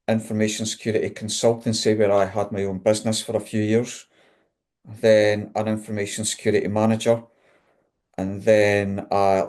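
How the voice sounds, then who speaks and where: Middle-aged male webinar guest, broad Scottish accent, lowish voice, informal professional talk. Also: a little mellow. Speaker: guest, chief technology officer. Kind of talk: informal career introduction in a webinar.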